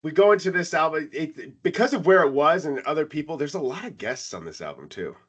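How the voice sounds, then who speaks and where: A man co-hosts a casual music review show. He tells stories in an animated way, and his pitch jumps up when he gets excited. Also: a little fast, slightly rough, highs cut off. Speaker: podcast co-host.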